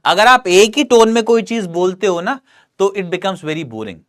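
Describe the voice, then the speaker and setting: A male English teacher giving an exam-prep lesson with a very lively, swooping delivery. He coaxes his students along and keeps putting questions to the class, then answering them himself. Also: sits high, measured pace. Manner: animated, coaxing, asks and answers his own questions.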